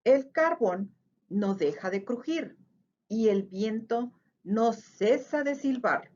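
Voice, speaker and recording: Slow, sing-song woman storyteller. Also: fairly high pitch, lively intonation, darkish tone, highs cut off. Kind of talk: reading a picture book aloud.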